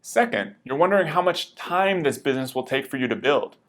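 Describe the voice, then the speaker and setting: Male sales pitch voice-over. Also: lively intonation, brisk, fairly bright tone. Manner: urgent persuasive sales delivery. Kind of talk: scripted promotional voice-over.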